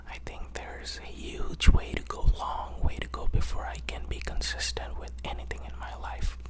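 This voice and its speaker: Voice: mid-range voice, low-quality recording. A young adult vlogger whispering breathily with a sore throat, hesitant and apologetic, barely able to talk. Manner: hesitant, apologetic, halting phrasing. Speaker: YouTube vlogger. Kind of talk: whispered confessional vlog. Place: small hot room without fan or air conditioning.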